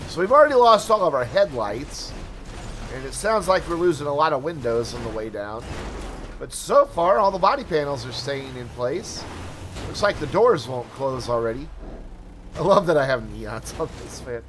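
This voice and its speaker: This gaming channel host is a chatty man who wanders into asides and mocks himself while footage plays, sounding tired from long hours of talking. His medium-pitched voice is sing-song and a bit bright at normal speed, with slight background noise.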